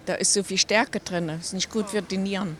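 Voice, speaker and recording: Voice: mid-range voice, fairly even intonation, normal speed, a bit bright. An older passer-by, a grandparent, giving terse, blunt answers in a street interview. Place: city street outdoors.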